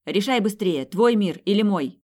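A woman voicing an urgent young male fire mage who shouts his lines, in an audiobook. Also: low voice, moderate pace, lightly acted. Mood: urgent shouting.

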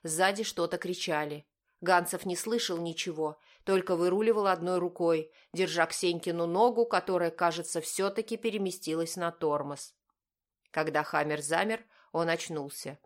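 A woman reading a novel as a scripted audiobook narration, in a measured, even way. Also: on the low side.

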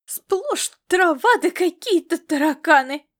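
A woman voicing a loud, bossy peasant mother who scolds and fusses in folksy speech. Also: very high-pitched, expressive, measured pace, voice pushed up. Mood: fussing scolding. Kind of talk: audiobook character reading.

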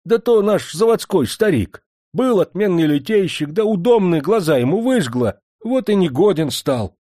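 A man voicing an anxious servant coachman who talks excitedly and fawningly. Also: high voice, normal speed, no echo, studio quality, voice pushed up.

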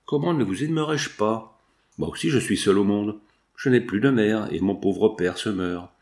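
A man reading the part of a gentle, tender young woman. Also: on the low side, moderate pace, close to an everyday voice. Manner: gentle, soft.

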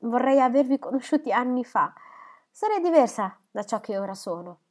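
A woman voicing a lively, impulsive young woman in a storybook reading, eager and quick to brighten. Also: a little high, pitched above the performer's own voice.

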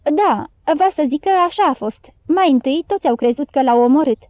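A bold, cheeky street boy with a high, eager voice, acted by a woman reading a storybook. The sound is close and dry, slightly dull. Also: lively intonation, no echo. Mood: telling. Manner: cheeky, shouting.

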